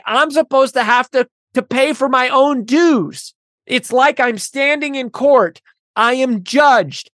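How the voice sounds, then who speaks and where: A woman's voice: high-pitched, a bit bright, dry recording. A woman speaks close to the mic in a dry, dead room. She is hosting a faith podcast and preaches with earnest conviction. She drives her points home through repeated, intensifying phrases. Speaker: podcast host. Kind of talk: religious teaching monologue.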